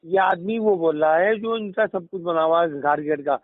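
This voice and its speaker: A man's voice: on the high side, moderate pace, no room sound. Middle-aged man telling a story over a tinny phone. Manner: rambling anecdotal storytelling with restarts. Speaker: caller. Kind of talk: phone conversation. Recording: tinny dry phone line.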